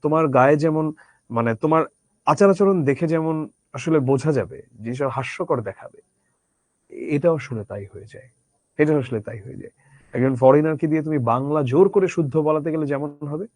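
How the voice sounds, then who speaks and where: Man, teacher, chatty lecture, rhetorical questions, fairly high voice, dry close sound. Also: a little fast, darkish tone, no room sound. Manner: conversational, addresses students directly, rhetorical questions. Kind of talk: Bangla literature lecture.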